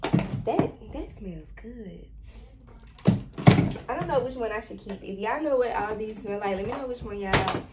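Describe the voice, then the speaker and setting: Talking straight to her viewers in a casual haul vlog, a young woman speaks from a small bedroom to a camera set at desk distance. She has a high-leaning voice with lively intonation, a measured pace and long pauses, and there's noisy hiss in the background.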